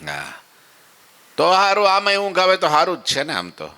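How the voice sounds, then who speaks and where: A man preaches in a folksy, conversational way, now and then slipping into the voices of his listeners. His tone is bright and forceful. A long hall reverb trails each phrase. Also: sits high, wildly swooping pitch, normal speed, clean tone. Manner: folksy and conversational, acting out devotees' complaints and asking "samajya?". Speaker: swami giving morning katha. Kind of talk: devotional sermon. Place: temple hall.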